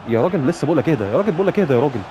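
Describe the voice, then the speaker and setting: A man with an Egyptian Arabic accent commentating his own football management game, cheering and shouting at his players. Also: a little high, lively intonation, very fast, highs cut off, noisy background. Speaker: gaming YouTuber playing a football manager career mode. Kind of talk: live gameplay commentary.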